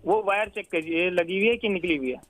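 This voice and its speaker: A man's voice: high voice, faint music behind. A man on a phone call, complaining and asking the other side to talk more politely. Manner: quick, complaining, asking to calm down. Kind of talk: phone conversation.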